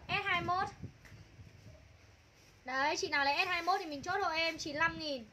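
A high-pitched woman is hawking clothes on a livestream. She rattles off prices and item codes again and again, and she gushes over each piece. There is steady noise behind her voice. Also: moderate pace, rough recording. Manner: repetitive, calls out prices and codes, gushing. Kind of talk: live sales pitch.

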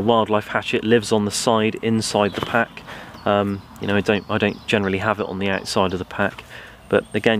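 Young male outdoor host, low voice, loose rambling delivery, faint forest ambience behind. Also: background noise. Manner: relaxed, rambling, many ums and you knows. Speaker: bushcraft channel host. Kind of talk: casual gear review.

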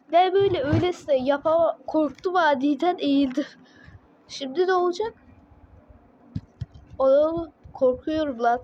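A woman commentating her own gameplay in a let's play video, exclaiming at each move and venting her frustration out loud. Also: sits high, muffled recording, a little hiss or hum. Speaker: gaming video host.

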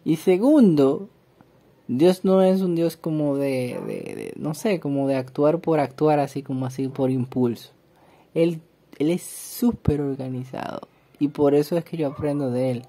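A man reads a psalm aloud, then comments on it in an emphatic manner with animated asides, repeating words for stress. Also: a little high, measured pace. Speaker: Bible reader and preacher. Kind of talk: scripture reading with sermon commentary.

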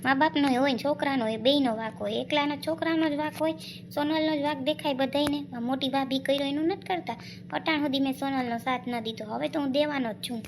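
A scolding, quick-tempered village wife, played by a woman in a comic sketch, speaking. Her voice sits high and carries a gravelly edge. She nags in rapid complaints. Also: noisy background. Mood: grumbling. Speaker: actor in a village comedy sketch.

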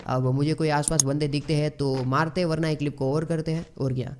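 A man from India giving excitable gameplay commentary as a gaming YouTuber, mixing English slang into his talk. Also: on the high side, quick pace, slight background noise. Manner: excitable, mixes English slang into Hindi, frequent exclamations.

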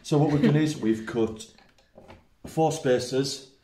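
A man's voice: on the high side, slow pace. A man, chatting casually and explaining each step as he builds furniture in a large workshop. He is self-mocking and talks through his work. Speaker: woodworking channel host. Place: large indoor woodworking workshop. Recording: roomy workshop echo, faint noise.

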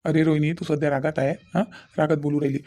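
A woman's voice: deep voice, flat delivery, quick pace, dark tone, close to an everyday voice. A woman voicing an evasive young man with a Vidarbha Marathi accent, pleading on the phone and promising to explain everything later. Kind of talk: cartoon voice acting.

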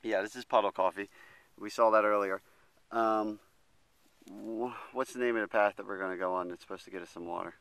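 A man's voice: on the low side, fairly even intonation, brisk, a bit bright. A young man narrating a hiking trip outdoors in an easygoing, joking way into a handheld camera. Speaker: hiker filming a trip. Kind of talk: casual vlog narration. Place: outdoors on a mountain trail.

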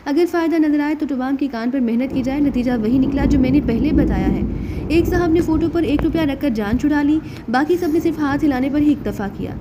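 A man's voice: very high-pitched, background noise. A woman voicing a witty male secret agent in an audiobook, joking and mock-respectful.

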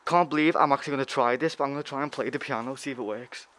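An eager young man narrates his own exploring trip, his voice at an ordinary male pitch. He is recorded on a camera held at arm's length outdoors. Clear background noise runs under his voice. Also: rapid-fire. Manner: excited, keeps addressing viewers as guys. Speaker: urban explorer vlogger. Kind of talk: handheld exploring vlog. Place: outdoors around derelict buildings and a garage.

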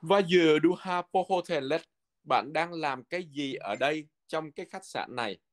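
A man teaching a language lesson from a textbook, patiently repeating words slowly so learners can follow. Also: on the high side.

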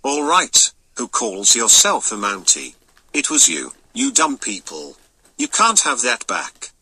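A man's voice: medium pitch, very animated, slow pace, sharp tone, slight background noise, full character voice. A man voicing a gloating toy thief in a homemade cartoon. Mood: taunting.

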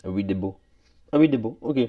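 A man with a fairly low voice talks a little fast over phone-quality audio while live-streaming a game. He chats casually and easily with the other players and his chat as he plays.

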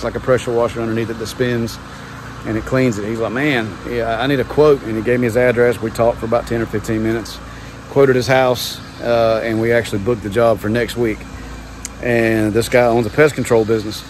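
In a laid-back vlog, a medium-pitched man talks to his phone camera about running a pressure washing business, rambling chattily with frequent "um" and "man." He stands outdoors beneath a covered patio at a large house, holding the phone at arm's length, while the audio catches engine noise from a pump and vehicles.

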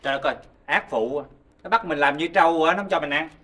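Fast-grumbling skeptical husband. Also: male voice, on the high side, sharp tone, recorded from a distance. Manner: grumbling, mocking. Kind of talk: stage comedy sketch.

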